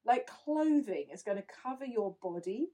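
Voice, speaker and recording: A woman leading a guided visualization in a slow, soothing, instructive way. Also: on the high side, animated, dark tone. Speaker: meditation guide.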